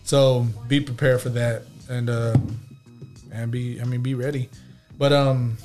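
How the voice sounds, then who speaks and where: A man's voice: mid-range voice, little pitch movement, a little slow, a little mellow, soft background music. Laid-back man hosting a podcast. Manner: loose, filler-heavy, laughs often. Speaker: podcast host. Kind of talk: casual podcast chat.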